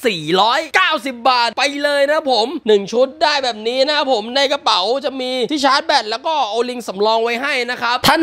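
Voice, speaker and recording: A man's voice: very high-pitched, fairly bright tone. A man delivering a scripted promotional voice-over as a product seller.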